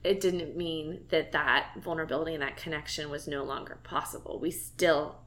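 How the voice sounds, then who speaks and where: A woman's voice: sits low, fairly even intonation, moderate pace, a bit bright, slight background noise. A woman hosting a podcast conversation, speaking earnestly and reflectively with a friend. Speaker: podcast host. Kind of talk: casual heartfelt conversation.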